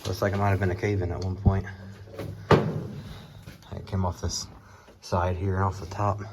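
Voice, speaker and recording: Low-voiced young man, noisy tunnel recording. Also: little pitch movement, measured pace. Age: young adult. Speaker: explorer and vlogger. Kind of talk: casual exploring commentary. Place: inside a rocky underground mine tunnel. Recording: noisy handheld recording, underground ambience.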